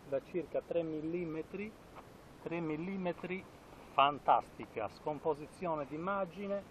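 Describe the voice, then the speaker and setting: A man's voice: a little high, fairly bright tone, slight background noise, poor audio. A man in his fifties, a spearfishing vlogger, talking enthusiastically to an action camera outdoors by the sea. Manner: enthusiastic, repeats phrases. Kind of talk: casual vlog narration to camera. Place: outdoors by the sea, then in the water.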